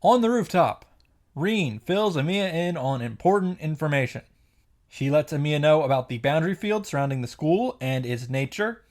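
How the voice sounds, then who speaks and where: A video creator recaps a visual novel with casual, opinionated commentary and emphatic, sarcastic asides, backed by music. His voice is fairly high and expressive, at a moderate pace.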